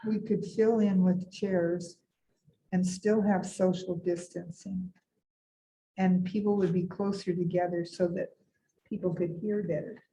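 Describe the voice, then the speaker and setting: A woman audience member making a plain, measured remark at a meeting. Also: fairly low pitch, steady tone, warm tone, poor audio. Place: indoor room at a book club meeting.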